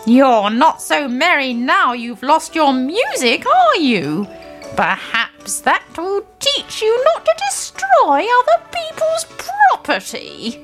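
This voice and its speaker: A woman voicing a spiteful female witch who howls and hisses in a shrill voice. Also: wildly swooping pitch, slow pace, over music, full character voice. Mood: vengeful. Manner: howling, hissing, shrill.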